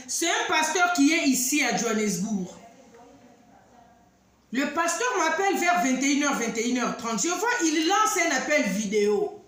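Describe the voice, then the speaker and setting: Woman, high voice, emphatic storyteller, echoey room. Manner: emphatic, warning, swings between loud outbursts and low asides. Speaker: online talk host addressing women. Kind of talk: animated storytelling monologue. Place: living abroad in southern Africa.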